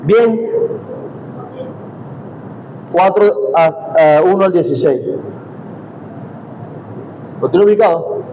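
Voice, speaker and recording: A man speaking as a pastor to a church class in Spanish, with solemn, measured, deliberate phrasing. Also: dark tone. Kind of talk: church class with Bible reading and prayer. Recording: dull, muffled audio with faint rumbling noise.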